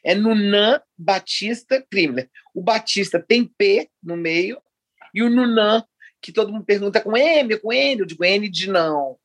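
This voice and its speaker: A writer in her sixties from Rio de Janeiro, Brazil, chats casually as an interview guest, wandering into long digressions and laughing often. Her voice sits at a medium pitch and moves at a measured pace.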